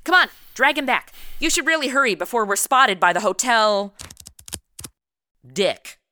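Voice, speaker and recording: A woman's voice: on the high side, expressive, measured pace, sharp tone. An actress playing a flippant, sassy young modern woman who fancies herself a sleuth, chatting in slang in a comedic radio drama. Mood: breezy, bossy.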